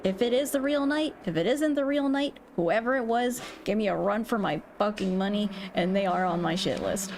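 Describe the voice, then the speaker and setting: A woman with a medium-pitched, scratchy, strained voice streams a game, talking at normal speed with hardly any pauses. Her casual commentary is blunt and rambling, full of swearing, with game music playing underneath.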